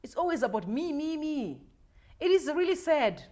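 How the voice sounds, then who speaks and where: Impassioned high-voiced woman in her forties. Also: big pitch swings, moderate pace, warm tone. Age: 40s. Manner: emotional, repetitive, preachy, addresses viewers directly. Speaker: livestream host. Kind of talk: impassioned political commentary.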